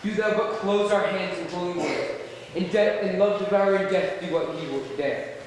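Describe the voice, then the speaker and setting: A man's voice: high-pitched, moderate pace, a little hiss or hum, lightly acted. A young man playing an ardent young lover. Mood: fervent. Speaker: student actor. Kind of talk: stage play performance. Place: school stage. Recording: distant voice in an echoey hall.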